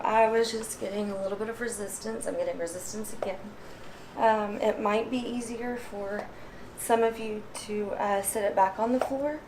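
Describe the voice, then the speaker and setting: A woman vlogger talking casually through a repair demonstration, out of breath from working a hand pump and filling pauses with ums. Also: mid-range voice, background noise. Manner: chatty, many ums, pauses while pumping.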